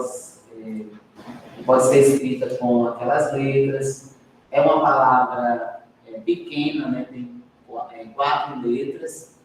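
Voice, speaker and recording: A Brazilian man teaches a group, asking questions and tagging his sentences. He sounds far from the mic in a roomy hall with a long echo and a faint hiss behind him. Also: mid-range voice. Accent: Brazilian Portuguese. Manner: adds "né?" often, prompts the group to answer. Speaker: teacher leading a training session. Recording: echoey classroom, recorded from a distance.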